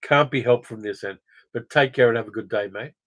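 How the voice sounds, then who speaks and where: A man's voice: mid-range voice, fairly quick, fairly bright tone, poor audio. A man hosting a film channel livestream, chatting casually and answering viewer comments with a rambling, filler-heavy manner. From Australia. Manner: rambling, conversational, frequent fillers.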